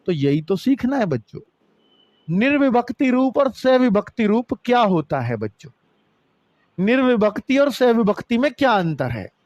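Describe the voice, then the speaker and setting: In an online exam-prep grammar class, a man teaches students he refers to as kids, his high, sing-song, slightly mellow voice jumping in pitch, with stressed rises and long, low falls. A close mic keeps it dry with no room echo, though the audio is dull.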